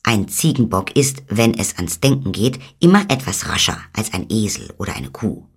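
A man's voice: fairly low pitch, lively intonation, normal speed, breathy edge. Man voicing a know-it-all billy goat. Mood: earnest. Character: clever, argumentative male billy goat.

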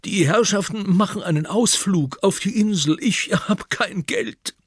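Man playing a timid old servant, stammering, husky voice, storybook. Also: sits high, unhurried, dry recording, clean studio sound, voice pushed up. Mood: frightened. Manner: stammering, fearful.

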